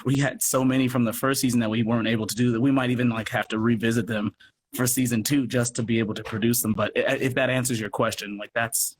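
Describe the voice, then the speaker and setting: A man talks fast with a medium-pitched, steady voice as an interview guest on a noisy live video call; he produces for a theatre company. Casual but emphatic and enthusiastic, he keeps restarting sentences and adding asides.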